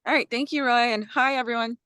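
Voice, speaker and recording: A woman on a group call, polite and soft-spoken. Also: a little high, steady tone, fairly quick, clean tone, no room sound, studio quality. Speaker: call participant. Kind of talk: casual group call chat.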